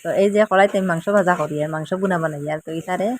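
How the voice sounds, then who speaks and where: A woman's voice: on the low side, steady tone, rapid-fire, slight background noise. Chatty Sylheti village woman vlogger. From Assam, India. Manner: chatty, homely, repeating words for emphasis. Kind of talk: casual cooking vlog, explaining dialect words. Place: village home kitchen.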